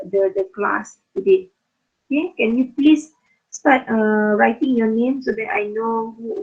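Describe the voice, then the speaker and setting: A woman lecturing on statistics in an online class, losing her voice and speaking haltingly with many fillers. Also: on the high side. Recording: phone-like narrow sound.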